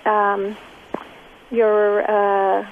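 A woman's voice: medium pitch, completely flat delivery, extremely slow. A woman calling in to a radio show over the phone, asking her question hesitantly with many ums and restarts. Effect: radio show caller on a phone line. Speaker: caller. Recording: tinny phone line with faint noise.

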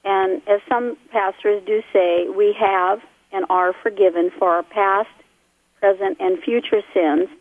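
A woman calling in to a radio show over a phone line, polite and deliberate in how she phrases her question. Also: mid-range voice, steady tone, no room sound. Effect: heard over a phone line.

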